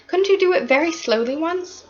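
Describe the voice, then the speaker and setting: A woman reading aloud, voicing an eager, practical young boy who speaks in excited exclamations. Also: extremely high pitch, a little fast, muffled recording, pitched above the performer's own voice.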